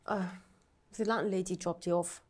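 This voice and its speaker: A woman's voice: lowish voice, fairly even intonation, normal speed, darkish tone, a little hiss or hum, lightly acted. A young woman, playing an affectionate, playful wife in a film drama. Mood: casual, concerned. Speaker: actor in a film. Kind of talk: Nollywood film drama acting.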